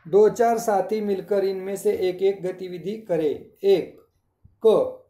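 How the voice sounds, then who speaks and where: A man's voice: sits high, fairly even intonation, slow pace, dark tone, reverberant. A male school teacher giving a recorded grammar lesson, explaining step by step and repeating each answer.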